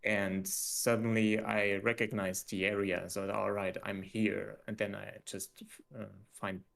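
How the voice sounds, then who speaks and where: Low-ish and a bit bright, his creaky voice barely moves in pitch. He's a Swiss game developer in his forties giving a casual interview over video call, hesitant and halting, with restarts and laughter.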